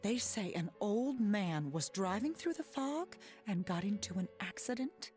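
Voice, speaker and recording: A woman's voice: medium pitch, animated, a little slow, a little mellow, natural voice. An actress voicing a worried, gossipy townswoman in a video game, with a hesitant manner. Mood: worried gossip. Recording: faint music behind the voice.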